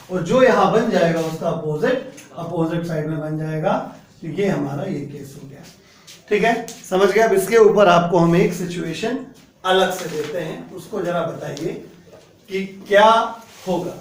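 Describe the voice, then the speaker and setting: A man teaches physics in a classroom and walks through each point step by step, often checking that his students follow. His voice sits high for a man. The room is echoey and he sounds a little away from the mic. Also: slight background noise. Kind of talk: classroom lecture. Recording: echoey room, voice a bit distant.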